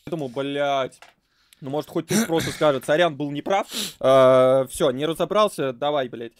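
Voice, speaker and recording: Irritated swearing man, slightly high voice. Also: moderate pace, clean tone, no echo. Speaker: blogger in a played video. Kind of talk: heated argument talk.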